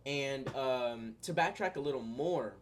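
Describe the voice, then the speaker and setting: A man's voice: medium pitch, measured pace, a little hiss or hum. A young man talking straight to his viewers in a casual vlog, rambling through his thoughts with lots of fillers and restarts. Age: young adult. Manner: earnest, spiritual musings addressed to viewers. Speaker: vlogger.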